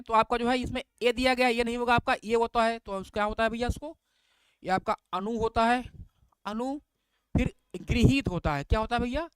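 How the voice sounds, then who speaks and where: High-voiced man teaching a live class. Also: clean tone, no echo. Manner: repetitive questioning, addresses viewers as bhaiya; reads out answer options, praises viewers by name. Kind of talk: live online exam-prep lesson.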